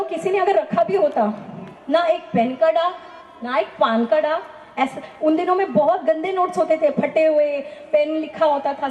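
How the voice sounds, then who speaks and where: A woman's voice: high voice, darkish tone, echoey room, a little hiss or hum. A woman telling a personal faith testimony in an earnest, emphatic way, often asking rhetorical questions. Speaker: testimony speaker.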